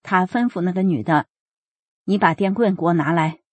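Woman, narrator, earnest and steady, husky voice, dry recording. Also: lowish voice, normal speed, no echo. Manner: steady, earnest storytelling with quoted dialogue. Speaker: reader of a personal account. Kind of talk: first-person narration read aloud.

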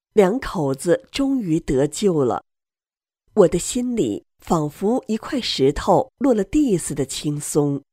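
A woman reading a first-person story aloud in a slow, measured storytelling manner. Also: fairly low pitch, dark tone, dry recording, clean studio sound. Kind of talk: scripted narration.

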